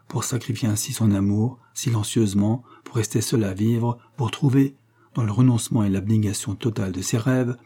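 A man reads a novel aloud in a low, mellow voice with a slightly husky edge. His delivery is measured and literary, paced like a careful audiobook narration.

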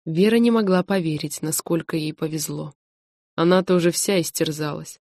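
Woman narrating an audiobook, lower voice. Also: moderate pace, darkish tone, no echo, clean studio sound. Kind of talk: scripted narration.

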